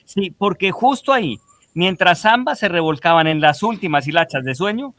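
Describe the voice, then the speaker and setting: A man, briskly reading his own satirical column aloud in a dry tone. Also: high-pitched, lively intonation, a bit bright, no echo. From Colombia.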